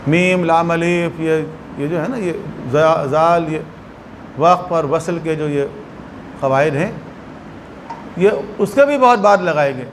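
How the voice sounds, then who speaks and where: A man with a high voice and a Pakistani Urdu accent teaches as a religious scholar. He explains verses and acts out short anecdotes to make his point. A faint hum of noise sits under the recording. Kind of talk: religious lecture.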